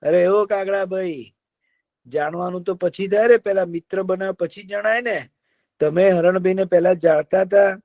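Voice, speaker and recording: A man's voice: high-pitched, fairly even intonation, moderate pace, a little mellow, no echo, pitched above the performer's own voice. A man voicing a crafty male fox in a children's story who fakes sobs and whines for sympathy. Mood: sly. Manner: wailing, self-pitying. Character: sly sobbing male fox, scheming and whiny.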